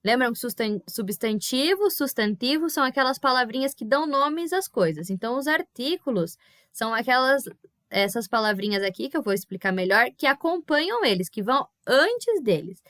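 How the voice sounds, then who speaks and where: Brazilian lady teacher going over a spanish review, high voice, patient, dry close mic. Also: very animated, normal speed, a bit bright, no room sound. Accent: Brazilian Portuguese. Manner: patient, explanatory, checks in with "tá?" and "né?". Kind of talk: recorded review lesson for pupils.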